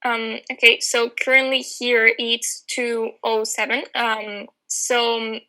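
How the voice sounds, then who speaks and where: A woman from Spain joins a podcast as a guest and talks casually from home. Her voice is high and very bright, with a flat, even delivery and frequent "um" pauses. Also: low-quality recording. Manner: relaxed, with "um" fillers. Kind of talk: casual conversation.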